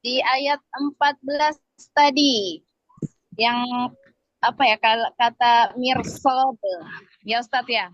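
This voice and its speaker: A woman's voice: a little high, steady tone, slow, pauses often, no echo, lo-fi sound. A woman asking a hesitant question over an online call, her audio choppy and breaking up. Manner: hesitant, searching for words.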